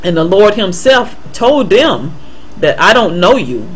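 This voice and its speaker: A man earnestly explaining Bible passages in a voice-over, answering a viewer's email and pausing often with fillers and restarts. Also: high-pitched, big pitch swings, fairly bright tone, breathy edge, rough recording. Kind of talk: unscripted Bible commentary voice-over.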